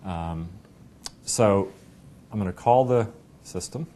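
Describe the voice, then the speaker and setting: Slow-paced and warm, a middle-aged man from a software company walks through a product demo, explaining it conversationally as he's interviewed. The recording comes from a clipped lapel microphone in an indoor meeting room and is clear, with low rumbling room noise.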